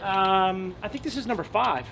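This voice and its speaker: This forties-aged opera tenor from Long Island, New York talks at a moderate pace as he strolls a city street for a casual interview. His fairly high voice stays relaxed and reflective, dotted with ums and restarts, and street noise and traffic are plainly audible.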